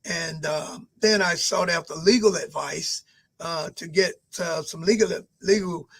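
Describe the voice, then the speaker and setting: A man in his sixties answering interview questions at a measured pace, with frequent pauses and fillers. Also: a little high, gravelly, fairly bright tone. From Albany, Georgia. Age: 60s. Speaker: mayoral candidate guest.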